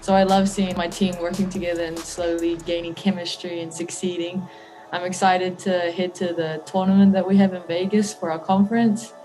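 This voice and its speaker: Soft music plays behind this young woman's lowish, dark voice, which is flat and moderately paced. She's a college basketball player from New Zealand with a matching accent, answering interview questions easygoing and thoughtful, and she's a young adult.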